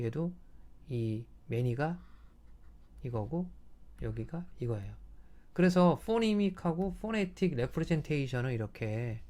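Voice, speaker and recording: A man's voice: mid-range voice, warm tone. Man lecturing step by step. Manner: explains step by step, often asks "right?" to check understanding. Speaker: English linguistics professor. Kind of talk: recorded lecture.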